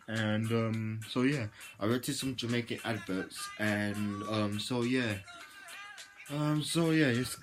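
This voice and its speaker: A man hosting a casual reaction video, rambling with repeated filler phrases, swearing freely and breaking into sudden loud outbursts. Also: fairly low pitch.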